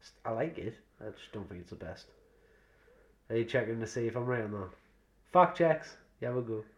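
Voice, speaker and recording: A man's voice: fairly low pitch, animated, moderate pace. A man talks as a podcast host in a loose, conversational style. He swears freely and keeps up a matey banter, sounding like he is chatting with a friend. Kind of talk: casual chat about films.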